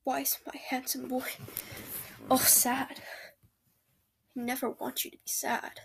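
A woman voicing a doting, protective girlfriend who comforts her sad partner in a soft whisper, in an ASMR roleplay. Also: high voice, flat delivery, unhurried, gravelly, slightly rough, exaggerated voice. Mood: tender.

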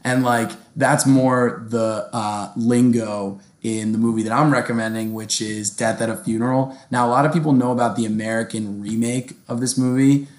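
A man's voice: mid-range voice, fairly even intonation, normal speed, hardly any pauses, echoey room. A young man co-hosting a podcast, rambling and joking with lots of swearing and restarts. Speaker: podcast co-host. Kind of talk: casual chat.

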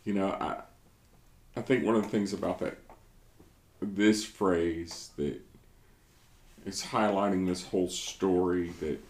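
Low-voiced reflective man in an echoey room. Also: fairly even intonation, takes it slowly, pauses often, slight background noise. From United States. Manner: reflective, searching for words. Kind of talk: casual devotional discussion.

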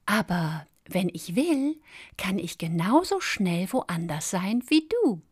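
A woman voicing a content, unhurried little snail in a bedtime story, speaking gently and slowly. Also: medium pitch, big pitch swings, breathy edge, full character voice. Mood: calm. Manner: gentle, easygoing.

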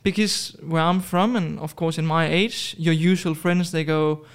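Here a twenty-something man from Denmark guests on a podcast for a relaxed interview. His clear, resonant voice sits on the high side with fairly even intonation and a measured pace, while his speech is hesitant, full of fillers and restarts.

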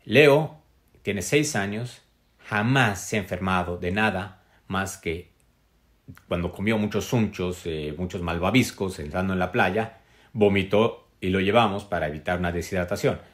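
Low-voiced earnest man. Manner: earnest, searching, with many pauses and "mm?" tags. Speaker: live streamer sharing a personal story. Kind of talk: reflective personal storytelling on a live stream.

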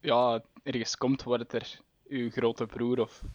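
A young man, chiming in with quick remarks in a podcast chat. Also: medium pitch, level tone, no echo, highs cut off. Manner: quick interjections.

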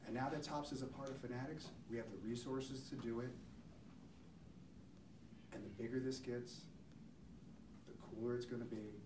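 A man presenting new products to a room of collectors in an upbeat, salesy way, heard through a low-quality recording of the live session. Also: fairly even intonation, normal speed, long pauses. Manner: upbeat, salesy, retells conversations. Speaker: company speaker presenting at a collectors' event. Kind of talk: promotional presentation talk. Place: event room. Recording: echoey room, far from mic, noisy.

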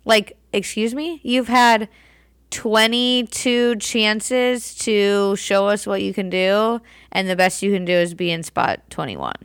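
Brief: young woman, smooth clear voice, brisk podcast co-host. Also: medium pitch, dry recording, studio quality. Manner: brisk, matter-of-fact, quoting stats. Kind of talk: casual chat.

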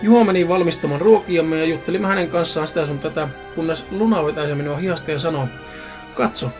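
Casual male storyteller, slightly high voice. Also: steady tone, over music. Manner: casual, addresses the reader directly. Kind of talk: first-person story narration.

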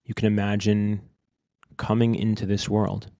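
Guiding listeners through a meditation, this male podcast host speaks in a deep, low-pitched voice whose delivery is completely flat, gentle and unhurried. Short phrases are separated by long silences, captured in a close, dry recording with no audible room.

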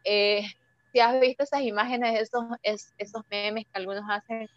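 A woman's voice: on the high side, steady tone, no room sound. A young woman tells her own story as an interview guest, hesitating and restarting as she searches for words. Her voice comes through dull and lo-fi, in a dry space with no room sound. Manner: emotional, halting, many restarts. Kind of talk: personal testimony.

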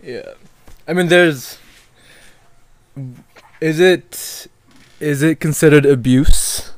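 A man's voice: on the high side, takes it slowly, no echo. Young man talking slangy, dry close sound. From outside Canada, moved there as a child. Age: young adult. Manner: casual street slang, frequent bro, dude and dog. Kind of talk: casual chat.

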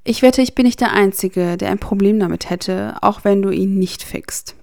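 Hotheaded schoolboy wizard, woman reading, sharp, defensive, gravelly tone, dry close recording. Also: mid-range voice, normal speed, no echo, natural voice. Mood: defiant. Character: angry teenage boy wizard, defiant and hotheaded.

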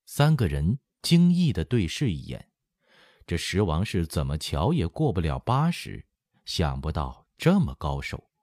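A man's voice: deep voice, measured pace, no echo. A man narrating a historical novel as an audiobook, telling the story expressively. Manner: expressive storytelling, acts out quoted lines. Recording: dry close studio sound.

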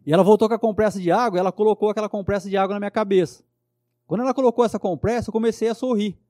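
A man speaks in a notably high but soft, mellow voice. He tells a personal story with earnest fervor, often checking in with little tag questions. The sound is close and dry, with no room echo. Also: steady tone, racing. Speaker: guest. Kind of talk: personal testimony in conversation.

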